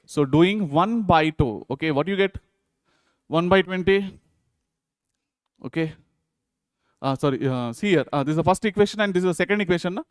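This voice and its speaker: A man's voice: sits high, moderate pace, pauses often, dry recording, clean studio sound. A man with an Indian accent teaching physics, working through exam problems step by step and often checking in with students. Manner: repetitive check-in questions to students. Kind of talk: exam problem walkthrough, lecturing.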